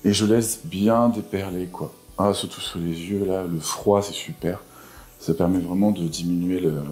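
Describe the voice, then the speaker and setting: A man's voice: lowish voice, mellow. A man with a just-woken morning voice chatting informally and playfully through a casual skincare routine vlog. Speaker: skincare vlogger. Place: at home in a bathroom.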